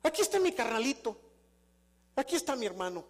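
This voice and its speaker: A man's voice: very high voice, sing-song, fairly quick. An older man with a Mexican accent preaching a sermon as pastor, telling stories and putting rhetorical questions to his congregation. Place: church sanctuary. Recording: long reverb of a church hall.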